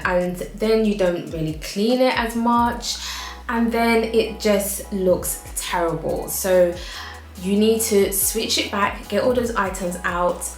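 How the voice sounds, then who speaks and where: A woman's voice: medium pitch, roomy sound. A woman with an African accent giving frank, chatty home decor advice in a casual vlog, laughing often.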